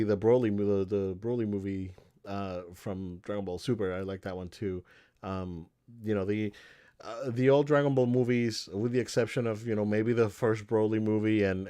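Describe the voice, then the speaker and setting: A man co-hosts a podcast, chatting casually and enthusiastically about movies with many restarts and fillers. His voice is lowish with a dark tone.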